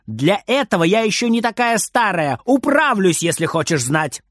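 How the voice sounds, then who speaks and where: A man's voice: high-pitched, sing-song, moderate pace, a bit bright, no echo, studio quality, voice pushed up, exaggerated voice. A man playing a fussy old grandmother. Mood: scolding. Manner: scolding, raised and fussy. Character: old grandmother, cross but loving. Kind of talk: storybook reading.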